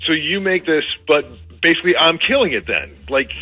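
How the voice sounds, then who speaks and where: A man with a bright, forceful voice chats on a phone call. His pitch moves in lively swings as he hesitates, stammers and repeats himself. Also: a little fast, breathy edge, soft background music. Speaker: prank call target, hired odd-job worker. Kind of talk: casual phone conversation.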